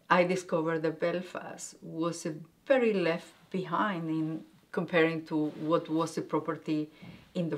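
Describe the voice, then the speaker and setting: Speaking with an Argentinian accent, a middle-aged native Spanish speaker from Argentina answers an interviewer's questions in a low-pitched voice. She runs a guesthouse and appears as the guest, pausing to search for words and filling gaps with many fillers.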